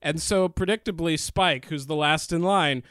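A man co-hosts a casual podcast and explains film details in a thorough, nerdy way. His voice is smooth and clear and sits a little high for a man. It is recorded close and dry. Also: moderate pace, fairly bright tone, dry recording. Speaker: podcast co-host. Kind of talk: casual movie-review chat.

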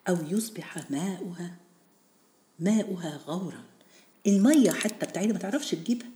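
Animated Egyptian woman teaching Quran. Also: lowish voice, brisk, slight background noise. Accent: Egyptian Arabic. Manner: animated, quotes verses softly near a whisper. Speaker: religious teacher. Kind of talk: Islamic lesson on Quran verses.

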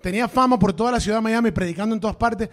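High-voiced preaching pastor. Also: male voice, racing. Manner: emphatic preaching, switching into English phrases. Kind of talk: sermon. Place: church before a congregation.

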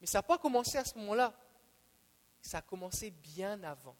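A man with a noticeably high voice preaches with a Quebec French accent, leaning hard on repeated phrases and swinging from hushed asides to loud declarations. His sermon rings out with the long reverb of a church hall. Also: animated, fairly quick. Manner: emphatic, repeats key phrases, swings between soft and loud. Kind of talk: Bible teaching sermon.

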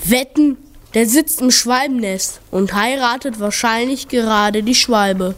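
A woman's voice: a little high, a little slow, close to an everyday voice. A woman voicing a proud male wooden spinning top in a storybook reading, boastful and dramatic. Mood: rueful. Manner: boastful, then plaintive and dramatic. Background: music.

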